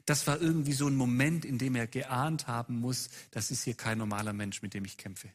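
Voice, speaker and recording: A man's voice: medium pitch, steady tone, a little fast. A man preaching a sermon who presses his listeners with a long run of urgent rhetorical questions.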